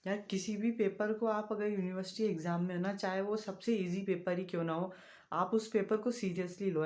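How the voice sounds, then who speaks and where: A young man, talking casually to the camera in a vlog. He is soft-spoken and rambling, with frequent fillers. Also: high-pitched. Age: young adult. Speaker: vlogger.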